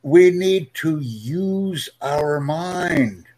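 A male English tutor speaks slowly and clearly in a slightly high, darkish voice, teaching in a friendly, animated way and insisting through emphatic repetition.

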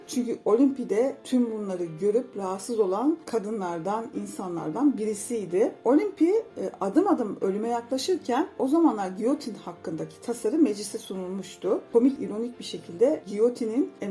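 Woman telling a history story, relaxed chatty way, lots of little "uh"s, dark mellow voice. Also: mid-range voice. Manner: conversational, with frequent hesitation fillers. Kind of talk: spoken history talk.

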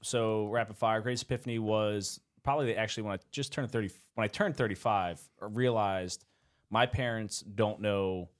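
A man in his thirties talks in a relaxed, rambling way on a casual podcast. His voice sits on the low side, and he laughs often between thoughts. He swears easily and backtracks mid-sentence. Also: normal speed. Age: 30s. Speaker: podcast co-host. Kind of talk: casual chat.

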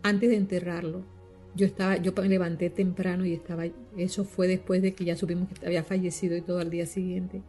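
An older woman giving a personal testimony, speaking haltingly with frequent restarts and repeated words. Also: fairly low pitch, little pitch movement, warm tone, soft background music. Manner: halting, with many restarts and repetitions. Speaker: victim's daughter giving testimony.

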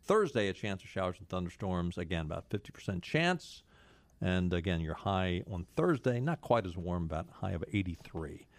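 A man's voice: low voice, very animated, normal speed, no echo. A man hosting a talk radio show, chatting, reading the weather and live ads in a conversational way.

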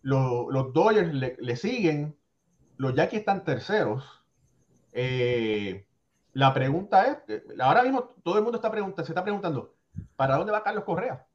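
Man, Caribbean Spanish accent, higher-pitched voice, casual sports reporter chat, emphatic repetition, muffled recording. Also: big pitch swings, moderate pace. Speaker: baseball reporter. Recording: dull lo-fi audio.

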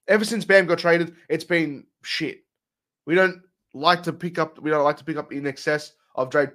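A man's voice: fairly high pitch, a bit bright. Blunt, swearing man on a sports podcast. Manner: blunt, swears, jokey ad reads. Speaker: podcast co-host. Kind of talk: casual sports podcast chat.

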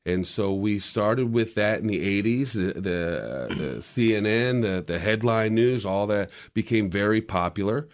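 A man's voice: lowish voice, unhurried, hardly any pauses. A man in a casual podcast discussion, explaining media history in a lecturing way with frequent restarts.

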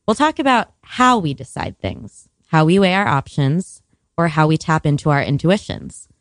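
A woman radio host speaks in a slightly low voice, informal and chatty as she leads the conversation. The recording is close and very dry, with almost no room sound. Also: very animated, moderate pace, no room sound.

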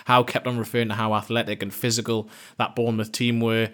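A man's voice: on the low side, little pitch movement, fast, fairly bright tone. A man talking through a football match as a pundit, thinking aloud and rephrasing as he goes. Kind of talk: casual football analysis.

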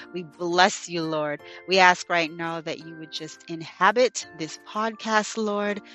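A young woman from the United States, partly raised in Jamaica, hosts a faith podcast in a lowish, slightly bright voice. She prays fervently, repeating thanks and "God" often, then shifts to chatty personal stories full of "you know" fillers.

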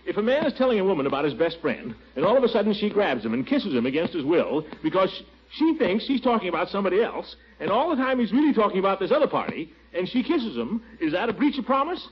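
An actor playing a flustered, blustering middle-aged bachelor in old radio comedy, stammering and exasperated. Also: male voice, high voice, very animated, quick pace, few pauses. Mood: worried. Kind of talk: 1940s radio comedy acting. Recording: noisy, muffled old radio recording.

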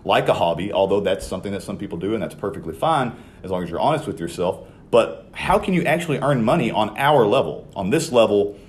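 A man's voice: on the low side, lively intonation, fast talker, few pauses, a little hiss or hum. A young man hosting a podcast, talking in a casual, conversational way with many fillers and restarts. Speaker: podcast host.

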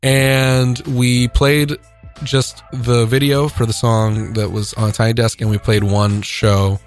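A young man talks loosely and playfully in a radio studio, circling back on himself with restarts and little jokes. His pitch sits in an ordinary middle range. Soft music plays faintly behind him. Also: level tone, slow. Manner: rambling, joking, full of restarts. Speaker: band singer and guitarist. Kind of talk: casual radio interview chat.

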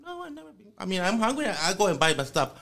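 Earnest Salvadoran man, higher voice. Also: huge pitch swings, vocal fry, a bit bright. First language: Spanish. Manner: earnest, halting, with frequent restarts. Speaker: guest. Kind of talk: casual podcast conversation.

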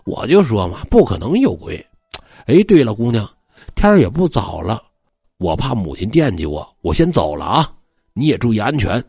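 A man's voice: fairly low pitch, very animated, normal speed, vocal fry, mellow, breathy edge, dry recording, clean studio sound, soft background music, pitched below the performer's own voice, exaggerated voice. A man playing a timid young scholar. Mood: nervous. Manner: nervous, bookish, courteous. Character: timid polite young male scholar woodcutter.

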